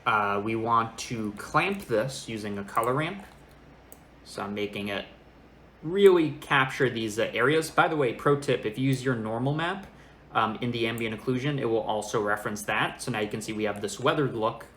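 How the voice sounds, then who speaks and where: A young man in his twenties giving a casual software tutorial, thinking aloud informally as he works. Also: medium pitch, normal speed. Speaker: tutorial presenter. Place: small indoor room. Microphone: makeshift microphone, not the usual good one. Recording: echoey room, fan noise, lesser microphone. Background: fan noise, computer keyboard.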